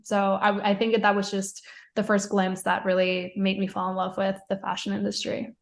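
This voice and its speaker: A young Puerto Rican fashion writer, guesting on a podcast, talks through her answers in a relaxed interview. Her flat, even pitch carries vocal fry, and she fills her speech with fillers, quick restarts, and frequent light laughs.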